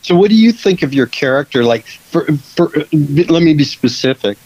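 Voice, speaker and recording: A man's voice: fairly high pitch, animated, normal speed, darkish tone, no echo, rough recording. A man from Western Washington hosting a casual interview, rambling with many fillers and restarts. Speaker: podcast host and producer.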